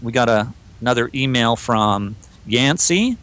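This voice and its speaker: Guy cohosting a podcast, mid pitch, easygoing talk, reads out emails. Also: animated, a little slow, a bit bright. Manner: conversational, reads listener emails aloud. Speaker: podcast co-host. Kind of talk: casual podcast discussion.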